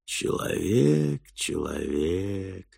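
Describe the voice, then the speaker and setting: A man voicing a wild talking boar that struggles for words, with a low, monotone, nasal drawl and a very slow pace. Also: creaky, husky, no room sound, clean studio sound, exaggerated voice. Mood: droning. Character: wild boar that speaks haltingly, strange and slow.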